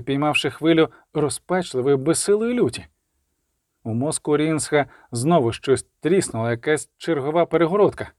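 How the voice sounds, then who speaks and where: A man's voice: fairly high pitch, darkish tone, dry recording. Man narrating an audiobook, dry close sound.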